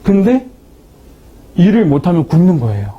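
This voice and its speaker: Husky man telling a story. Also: high-pitched, normal speed, highs cut off. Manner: lively, self-mocking storytelling. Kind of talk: storytelling testimony talk.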